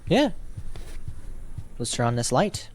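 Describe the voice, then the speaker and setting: A man's voice: mid-range voice, big pitch swings, slow, a little hiss or hum, poor audio. A man commenting on a game as he plays, reading text aloud and musing to himself in a thoughtful way. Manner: thoughtful, reflective, talks to himself while playing. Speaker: gaming YouTuber.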